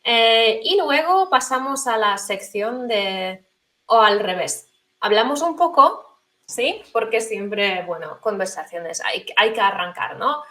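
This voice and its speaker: A woman's voice: fairly high pitch, expressive, slow pace, bright, forceful tone. Thoughtful woman teacher, interview guest. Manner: thoughtful, hesitant, many fillers. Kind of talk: conversational interview.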